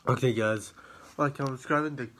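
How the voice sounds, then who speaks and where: A man's voice: medium pitch, fairly quick, fairly bright tone. A man reviewing drinks in a casual vlog, rambling and upbeat, repeating his sign-offs and sometimes out of breath. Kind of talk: casual vlog talk to camera.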